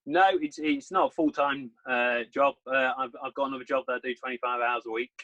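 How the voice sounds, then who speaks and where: Man, 30s, relaxed guest chatting from home, bright tone through dull call audio. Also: medium pitch, a little fast, gravelly. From England. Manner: relaxed, modest, hesitant. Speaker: guest, sports writer. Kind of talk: casual interview chat.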